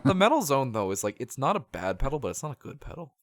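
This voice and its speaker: A man's voice: mid-range voice, very animated, fast talker, dry recording, clean studio sound. A young man co-hosting a podcast, rambling and swearing in casual chat full of fillers. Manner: chatty, profane, rambling with many fillers. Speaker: podcast co-host.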